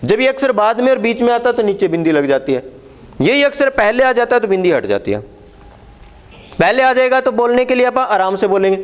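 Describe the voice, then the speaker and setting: A man's voice: high voice, clean tone. A man teaching Hindi letters at a board, explaining patiently, repeating key words and putting questions to the class.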